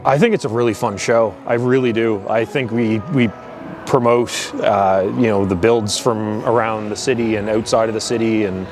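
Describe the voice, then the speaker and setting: A man's voice: lowish voice, fairly even intonation, normal speed, over music. A man organizing a car show, speaking casually and upbeat in an interview, with fillers and repeated words.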